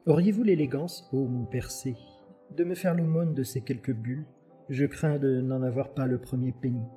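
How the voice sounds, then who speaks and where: A man's voice: fairly high pitch, sing-song, a little slow, mellow, soft background music, voice pushed up. A man voicing a flamboyant, witty male poet who is anxious and pleading, in a mannered way of talking.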